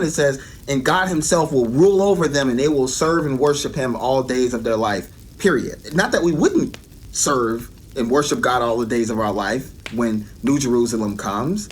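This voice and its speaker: A man's voice: mid-range voice, expressive, normal speed, a little hiss or hum. A man giving an earnest devotional teaching and often repeating his key points for emphasis.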